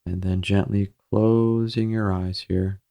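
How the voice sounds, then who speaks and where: With a lowish voice and flat delivery, a man guides a meditation. He's gentle, soothing and measured, pausing between phrases.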